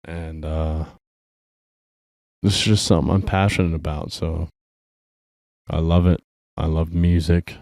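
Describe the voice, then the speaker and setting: The host of a solo music show, a young man worn out and drinking, rambles through casual commentary full of profanity in a relaxed manner. His extremely low, gravelly voice stays level and a little mellow at a measured pace with frequent pauses, in studio quality without echo.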